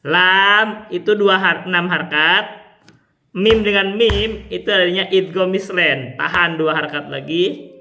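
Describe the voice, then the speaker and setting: A man teaching Quran recitation rules, explaining patiently and demonstrating long drawn-out recited syllables. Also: sits high, bright, forceful tone. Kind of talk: tajwid lesson with recited examples.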